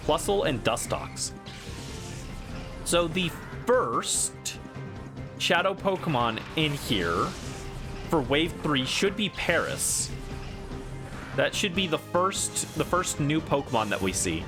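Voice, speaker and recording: Male streamer, playful casual game commentary, very animated delivery, light game music underneath. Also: fairly high pitch, slow, pauses often. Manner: playful, voices game characters aloud.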